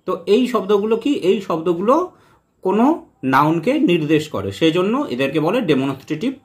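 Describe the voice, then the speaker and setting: Man, grammar teacher, high voice, very animated pitch, slow careful explaining. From West Bengal. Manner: slow, repeats examples word by word.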